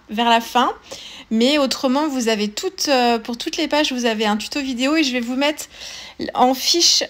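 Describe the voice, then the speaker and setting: A woman hosting a scrapbooking tutorial, talking casually with many fillers and restarts as she explains her steps. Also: a little high. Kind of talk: casual craft tutorial voice-over.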